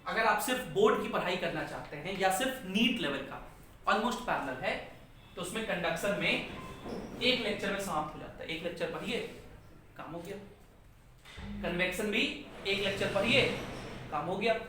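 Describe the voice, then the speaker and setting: A man's voice: high voice, lively intonation, moderate pace, pauses often. A male physics teacher lecturing a class, asking questions and repeating key terms. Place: large echoey classroom. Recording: echoey classroom from far off, faint noise.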